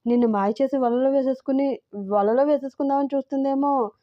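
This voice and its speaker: A woman's voice: sits high, brisk, no room sound, dull audio, voice pushed up, close to an everyday voice. A woman voicing a naive, clingy young woman who pleads and whines tearfully in a storybook reading. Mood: anxious.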